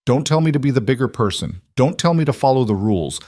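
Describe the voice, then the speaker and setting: A man's voice: lowish voice, animated, moderate pace, dry recording, studio quality, natural voice. A man voicing a grieving, furious father who talks in firm, clipped declarations. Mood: angry.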